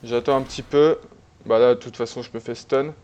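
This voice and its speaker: A man's voice: mid-range voice, brisk, highs cut off. Guy talking over his game replay, laid back, lots of euh and restarts. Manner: relaxed, chatty, many fillers and restarts. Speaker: gamer commentating his own replay. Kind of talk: casual gameplay commentary.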